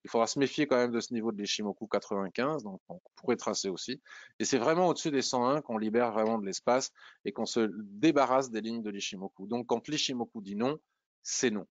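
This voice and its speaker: In a screen-share tutorial, a trading analysis presenter walks through stock charts, thinking aloud with frequent hesitations and restarts. His mid-range voice moves fast, and the recording is dry with the highs cut off.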